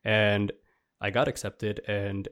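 A man's voice: fairly low pitch, level tone, slow, fairly bright tone. A man in his twenties talking in a casual, reflective, rambling way, full of "like" fillers. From New York, USA. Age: 20s. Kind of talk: casual chat.

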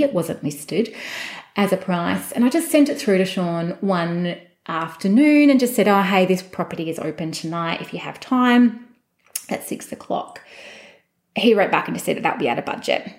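Lively, chatty woman with a gravelly edge. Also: fairly low pitch. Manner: chatty, animated, acts out quoted dialogue. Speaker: storyteller. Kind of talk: casual personal storytelling.

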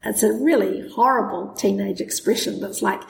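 A woman's voice: medium pitch, moderate pace, vocal fry, noisy background. A woman co-hosting a casual podcast chat, sounding tinny and hollow, like a tin can, through a laptop microphone. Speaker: podcast co-host. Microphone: laptop microphone, mouth close to it.

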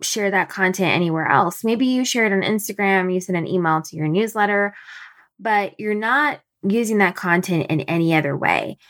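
A woman in her thirties hosting a solo podcast from home early in the morning, her voice a bit raspy, chatty and thinking out loud with fillers. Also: medium pitch, normal speed. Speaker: podcast host. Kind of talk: casual solo podcast talk.

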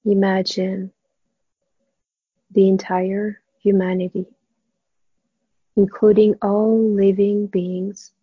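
A woman guiding a meditation in a soft, hushed, spa-like near-whisper, gently and with long pauses, her voice breathy and husky. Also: medium pitch, little pitch movement, no echo. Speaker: meditation guide. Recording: dull, muffled, dry close recording.

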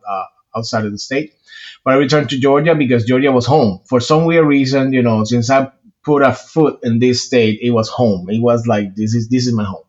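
A man's voice: medium pitch, lo-fi sound. A man with a Puerto Rican Spanish accent, a priest talking earnestly in a casual interview, with many fillers and restarts. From Puerto Rico.

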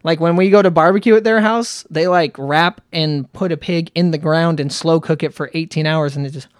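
A man's voice: on the high side, moderate pace, no echo. Laid-back male game master, dry mic. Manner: animated, laughs often, restarts. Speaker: podcast co-host and game master. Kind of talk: casual chat.

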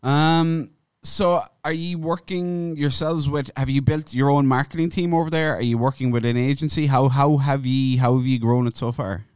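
A man's voice: medium pitch, steady tone, normal speed, hardly any pauses, darkish tone, clean tone, no room sound, studio quality. A man hosting an interview, asking conversational questions that he tentatively rephrases. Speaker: podcast host, interviewer.

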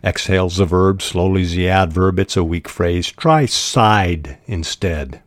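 Slow, deep-voiced older man hosting. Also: dry recording, studio quality. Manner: measured, deliberate teaching delivery. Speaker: writing podcast host. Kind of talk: scripted podcast talk.

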